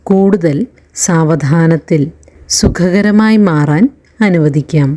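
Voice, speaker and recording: Leading a relaxation session like a meditation instructor, a woman narrates in a low, very mellow voice, extremely slow and soothing, with long pauses between short phrases. A slight background noise can be heard.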